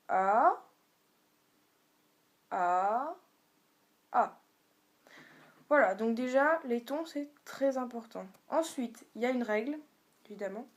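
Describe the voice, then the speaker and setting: A woman giving a beginner video lesson on Chinese tones, patiently demonstrating sounds for viewers to repeat. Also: fairly high pitch. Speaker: Chinese language teacher.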